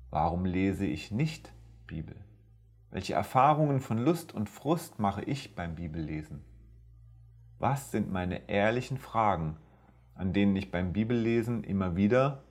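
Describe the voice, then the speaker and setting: Low-voiced man giving a podcast Bible talk. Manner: measured, reads scripture aloud slowly. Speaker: theologian podcast speaker. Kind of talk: calm podcast teaching with Bible reading.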